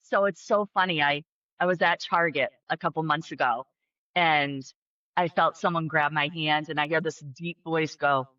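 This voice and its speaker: A woman with a low-pitched voice, speaking at normal speed with no echo, appears as a podcast guest and talks about her work as a special education teacher. The casual interview is chatty, packed with fillers and restarts and bursts of excitement, though the audio sounds dull and muffled.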